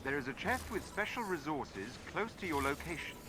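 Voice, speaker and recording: A brisk, animated AI mission helper, fairly high, loud battle behind. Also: male voice, noisy background. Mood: informative. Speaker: mission support. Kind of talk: video game dialogue.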